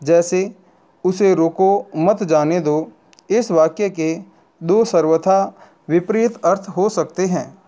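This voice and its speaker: A male teacher giving a grammar lesson in a slow, unhurried delivery. His voice sits a little higher than most men's. He is deliberate and often repeats or corrects a phrase before moving on. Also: mellow.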